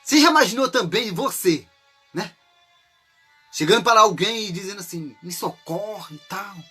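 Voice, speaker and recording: A man's voice: sits high, expressive, moderate pace, bright, forceful tone, breathy edge, soft background music. A man from Brazil with a Brazilian Portuguese accent, preaching an informal sermon in a chatty way, with many rhetorical and tag questions, and sometimes acting out desperate cries for help.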